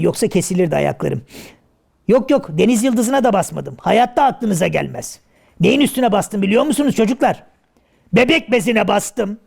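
A man voicing Karagöz, a cheeky, clumsy comic figure in a children's shadow puppet play, chattering excitably and crying out "ay". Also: high-pitched, vocal fry, full character voice. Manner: excitable and chatty, with lots of cries of "ay".

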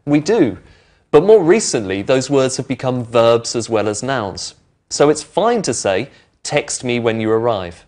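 Man explaining clearly. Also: mid-range voice, very animated, unhurried, darkish tone. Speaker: presenter of an English lesson. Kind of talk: friendly teaching explanation. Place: indoor studio with brick walls.

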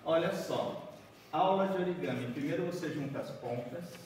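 A man's voice: a little high, normal speed, a little mellow, slight background noise. A man in his forties giving an origami talk to a group in a large conference room. He is chatty and keeps checking in with his listeners as he walks and folds paper. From Bahia, Brazil. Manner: chatty, keeps asking "né?" and "certo?", walking and folding paper. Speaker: origami speaker. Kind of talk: workshop talk to a seated group. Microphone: far room camera, no mic seen. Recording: echoey hall heard from far off.

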